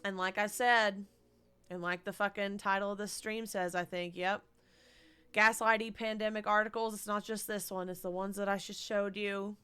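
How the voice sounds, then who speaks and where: A woman's voice: medium pitch, flat delivery, moderate pace, pushed and bright, smooth. A woman live-streaming from her living room, ranting in an exasperated way and swearing often. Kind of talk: casual live-stream commentary.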